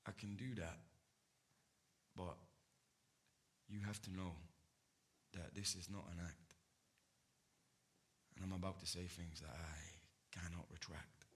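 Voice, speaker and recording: An actor playing an ardent male poet on stage, pouring out love in hushed, intimate tones that swell to fervor. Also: low voice, takes it slowly, pauses often. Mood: earnest, hushed. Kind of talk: staged theatre performance.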